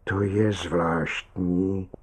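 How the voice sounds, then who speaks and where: A man voicing a weathered, middle-aged male lifeguard who speaks quietly and slowly. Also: medium pitch, close to an everyday voice. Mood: quiet, grave. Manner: quiet and slow.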